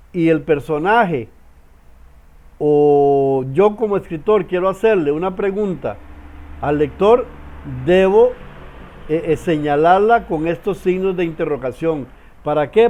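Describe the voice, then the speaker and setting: Slow, high-voiced man teaching a class. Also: darkish tone, highs cut off. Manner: slow, explanatory, with frequent repeated words and filler hesitations. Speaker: writing workshop teacher. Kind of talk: online class lecture.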